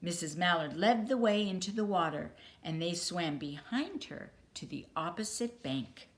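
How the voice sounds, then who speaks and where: A woman reading a children's picture book aloud with expressive, deliberate phrasing. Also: fairly low pitch. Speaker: storybook reader.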